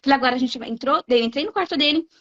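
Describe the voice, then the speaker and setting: Brazilian woman in her 40s-ish going off bluntly, high voice, kinda dull lo-fi stream sound. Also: racing. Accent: Brazilian Portuguese. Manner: animated, blunt, frequent "né?" tags. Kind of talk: emphatic preaching-style talk. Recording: dull lo-fi live stream audio.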